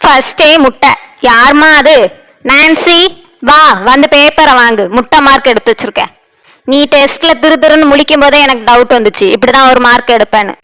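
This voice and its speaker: A woman's voice: high voice, brisk, sharp tone, rough recording. A woman voicing a strict maths teacher in a doll-play video, scolding her class. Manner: scolding, stern and exasperated. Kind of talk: Barbie doll play voice-over.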